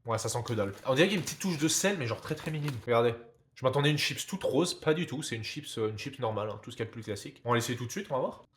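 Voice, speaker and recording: Fast-talking Frenchman in an echoey room. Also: mid-range voice, expressive, a little hiss or hum. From France. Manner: informal, slangy, chatty. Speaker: vlogger. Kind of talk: casual snack tasting vlog. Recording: roomy, echoey indoor sound.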